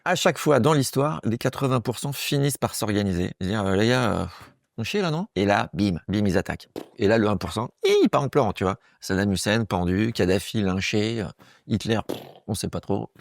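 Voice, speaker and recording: Fast-talking crude comic monologuist, man. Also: fairly low pitch, gravelly, no room sound, clean studio sound. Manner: fast, slangy, crude and excitable, does quick voices. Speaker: comedic monologue host. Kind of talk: rambling comic monologue to camera. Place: small room, close to camera.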